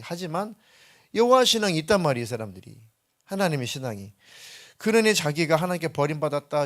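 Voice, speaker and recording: Emphatic male pastor, fairly high voice. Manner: emphatic, many rhetorical questions. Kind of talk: sermon. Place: church sanctuary.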